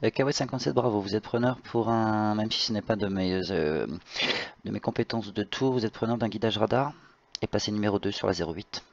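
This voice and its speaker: A man with a lowish, creaky voice works as an air traffic controller, giving halting procedural instructions. The audio is slightly dull, like lo-fi voice chat. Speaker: tower air traffic controller in online flight simulation. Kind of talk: procedural radio instructions with informal asides.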